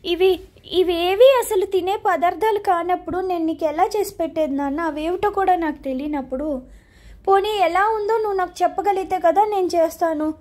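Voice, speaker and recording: A woman's voice: very high voice, moderate pace, a little mellow. A woman voicing a kind mother in a children's story who soothes and sometimes scolds her son. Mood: soothing. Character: patient mother, kind but quickly scolding.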